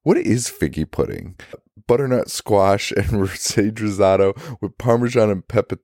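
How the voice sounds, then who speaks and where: A man hoarse with a cold, his voice cracking, doing a casual, ad-libbed podcast sponsor read as the host. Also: on the low side, a little slow, a little mellow, dry recording, clean studio sound. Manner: informal, mildly profane.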